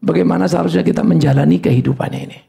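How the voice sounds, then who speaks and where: Older male pastor, gravelly voice, high and lively delivery, sermon storytelling. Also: rapid-fire. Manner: animated storytelling with sudden high exclamations.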